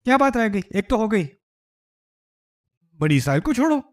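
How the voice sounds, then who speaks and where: A man's voice: high-pitched, very animated. A man giving a humorous religious lecture, telling stories with rhetorical questions and jokes. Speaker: Islamic lecturer.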